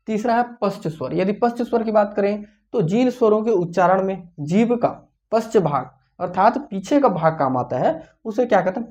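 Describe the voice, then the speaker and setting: Teacher, online exam-prep lesson, rhetorical questions, repetitive, slow careful sounding-out of vowels. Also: mid-range voice, dark tone. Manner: asks the class questions and answers them, repeating key points; slows down to say the vowel sounds out clearly. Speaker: Hindi grammar teacher.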